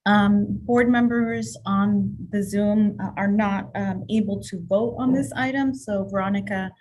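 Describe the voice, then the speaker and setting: Hesitant woman chairing, medium pitch. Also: steady tone, a little slow, a little mellow, rough recording. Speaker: committee chair. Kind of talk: informal meeting facilitation. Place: indoors on a video call.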